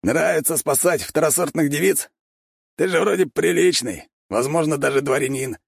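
A man's voice: a little high, moderate pace, vocal fry, husky, dry recording, clean studio sound, voice pushed up. A man voicing a brash, arrogant young wolf thug who growls threats in an audiobook. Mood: menacing.

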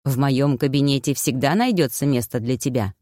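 A woman voicing a calm, gently teasing male werewolf lover in an audiobook. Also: rumbling low, moderate pace, no room sound, clean studio sound.

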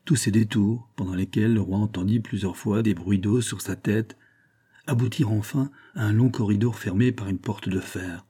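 Dark, husky male audiobook narrator. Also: lowish voice, steady tone, moderate pace. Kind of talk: scripted narration of a classic novel.

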